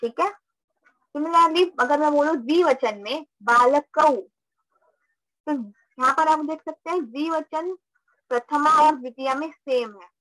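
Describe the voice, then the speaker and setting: A woman's voice: high voice, takes it slowly, long pauses, a bit bright, no room sound, poor audio. A woman teaching a live online class, patiently repeating points and checking that students follow. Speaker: Sanskrit teacher.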